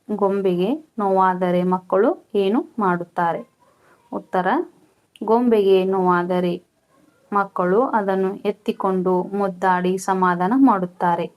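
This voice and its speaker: A woman teacher, slowly reading out questions and answers and repeating each one for students to copy. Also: medium pitch, a little mellow. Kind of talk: slow dictation-style Kannada lesson.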